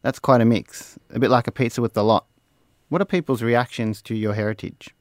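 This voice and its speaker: A man's voice: medium pitch, fairly even intonation, fairly quick, no echo, clean studio sound. A man from Australia with a broad Australian accent, hosting a conversational interview in a casual, chatty manner. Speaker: interviewer and host.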